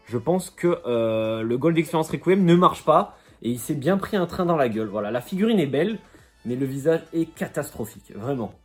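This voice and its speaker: A man's voice: on the high side, expressive, normal speed, a little mellow. A man chatting casually through an unboxing vlog, slangy and joking, with faint music under his voice. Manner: chatty, slangy, jokey asides. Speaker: YouTuber unboxing figurines.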